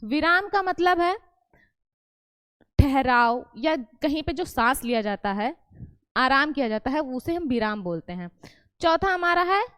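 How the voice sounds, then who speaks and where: A woman's voice: high-pitched, no room sound. A woman teaching a Hindi grammar lesson, repeating each point and quizzing the class with questions she answers herself. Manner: self-correcting, explains patiently.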